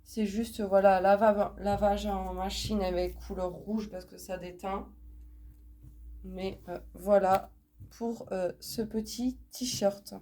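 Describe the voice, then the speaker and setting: A woman's voice: medium pitch, steady tone, takes it slowly, dark tone. A woman with a cold, speaking nasally through a blocked nose, chatting casually as she shows off items she bought. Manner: chatty, repeats words, many fillers. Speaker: vlogger showing a haul. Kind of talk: casual unboxing chat.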